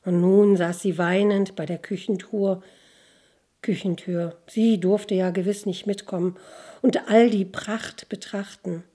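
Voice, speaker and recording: A woman reading a fairy tale aloud in a gentle, measured way. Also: medium pitch, steady tone, slightly rough. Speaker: narrator.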